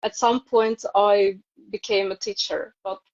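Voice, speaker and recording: On a video call, a Ukrainian woman in her thirties with a Ukrainian accent chats casually as an interview guest, speaking at a measured pace in a mid-range voice with fairly even intonation. She is a native Ukrainian speaker, and the live stream sounds dull and lo-fi.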